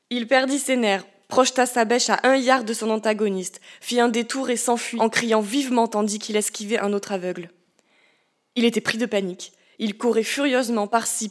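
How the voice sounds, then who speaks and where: A woman narrating a story as an audiobook in a measured, steady reading voice. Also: a little high.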